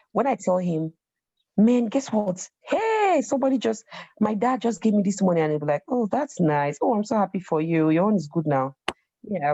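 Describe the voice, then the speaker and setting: Low, dark-voiced Nigerian woman. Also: no echo, muffled recording. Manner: animated, mixes in pidgin phrases. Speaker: host. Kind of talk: personal storytelling monologue.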